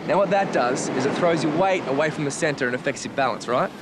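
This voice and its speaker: A man's voice: a little high, quick pace, natural voice. A man playing a blunt surf coach. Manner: blunt, easygoing coaching talk. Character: laid-back former pro surfer, male coach. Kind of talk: TV teen drama acting. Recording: outdoor noise with surf.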